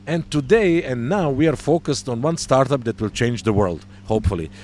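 Halting man hosting a conference podcast. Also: mid-range voice, expressive, a little mellow, a little hiss or hum. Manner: hesitant, many ums and restarts. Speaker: podcast host. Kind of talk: casual interview. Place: pop-up studio at a conference.

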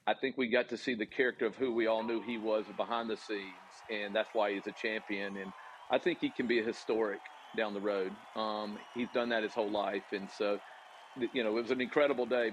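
A man with a Southern US accent, a college golf coach answering interview questions in an earnest, halting way with many ums and restarts. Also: fairly low pitch, steady tone, slight background noise, low-quality recording.

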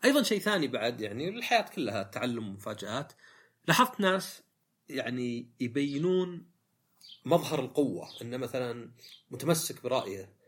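A man's voice: mid-range voice, very animated, brisk, fairly bright tone, breathy edge. A man hosting a casual monologue podcast, reflective and rambling, with frequent fillers and self-corrections. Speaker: podcast host.

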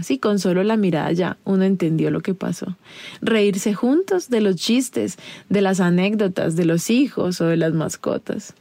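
Creaky-voiced woman giving advice. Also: medium pitch, a little mellow, dry recording. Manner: addresses the listener directly and confidingly. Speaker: podcast host. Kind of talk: casual advice monologue.

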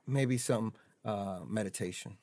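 A man's voice: fairly low pitch, measured pace, a little mellow, no echo. A man hosting a casual podcast chat, loose and joking, often stumbling and restarting his words. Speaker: podcast host.

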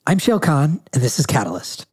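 A man's voice: fairly high pitch, big pitch swings, quick pace, faint music behind. A man hosting a podcast interview, talking articulately with a nasal voice from a cold. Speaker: podcast host.

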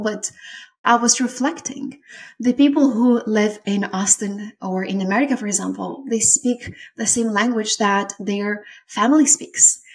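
A woman in her thirties from Lithuania with a Lithuanian accent, hosting a solo business podcast in an earnest, effusive way. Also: mid-range voice. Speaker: podcast host. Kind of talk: warm solo podcast talk.

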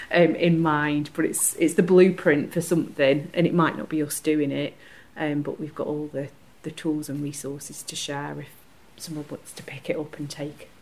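A woman's voice: low voice, flat delivery, normal speed, a little mellow. A woman, a community organiser talking earnestly and with enthusiasm as a guest on a podcast interview. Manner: earnest and enthusiastic, laughs easily.

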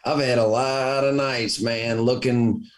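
A man's voice: mid-range voice, steady tone, slow. A man with a Southern US accent chatting casually and telling stories in a folksy, earnest way, repeating himself for emphasis. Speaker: hunter in conversation. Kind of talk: casual conversation, storytelling.

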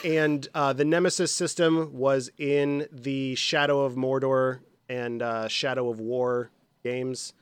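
A male podcast host chatting casually, slightly husky from a cold, rambling and laughing between quick asides. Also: medium pitch, steady tone, dry recording.

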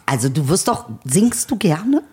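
A woman's voice: on the low side, very animated, measured pace, mellow, slightly rough. A woman co-hosting a casual chat, teasing her partner and laughing often.

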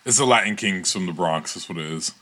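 A man's voice: sits low, lively intonation, quick pace, bright, forceful tone. A man on a podcast panel, joking wryly and lisping slightly after dental work. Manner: joking, wry. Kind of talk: casual panel chat.

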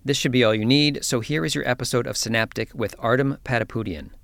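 A man's voice: medium pitch, fast talker, vocal fry, a bit bright. A man hosting a podcast, curious and chatty, with frequent restarts, narrating an intro and then interviewing. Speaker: podcast host.

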